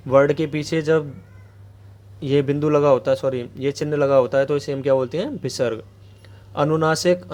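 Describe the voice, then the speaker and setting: A man with a slightly high voice teaches an exam-prep grammar lesson. He asks his viewers a question, then answers it himself, and keeps checking in with them. He draws out the vowel sounds slowly as he spells them. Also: a little mellow. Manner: repeats a check-in phrase to viewers.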